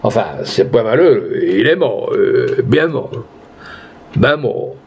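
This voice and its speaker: A man's voice: medium pitch, big pitch swings, slow pace, darkish tone, slightly rough, dull audio, exaggerated voice. A man voicing a greedy, hot-tempered old peasant who talks in rustic country speech and sputters out exclamations. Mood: gleeful.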